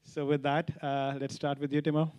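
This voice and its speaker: A man moderates a conference stage panel, brisk and friendly. His voice sits fairly high for a man. The sound is dry, with little room around it. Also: little pitch movement, darkish tone, clean tone, no echo, dull audio.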